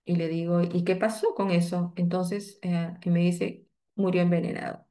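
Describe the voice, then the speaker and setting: A woman's voice: on the low side, level tone, a little slow, warm tone. A middle-aged woman psychotherapist giving a talk, telling stories in a conversational way with frequent fillers and tag questions. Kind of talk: storytelling lecture.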